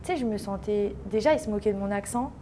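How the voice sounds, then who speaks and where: A young woman from France in her twenties, a guest in a casual interview, telling stories with lively energy and acting out other people's lines. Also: medium pitch, fast, slight background noise. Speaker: interview guest, professional footballer.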